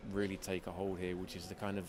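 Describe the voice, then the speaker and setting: A man's voice: low-pitched, completely flat delivery, fast talker. A man chatting casually as an interview guest, self-deprecating and full of restarts. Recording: loud street and traffic noise.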